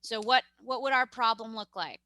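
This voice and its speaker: A woman's voice: fairly high pitch, moderate pace, sharp tone, no echo. A young woman with a New York accent teaching a math lesson over a video call, chatty and upbeat, often correcting herself.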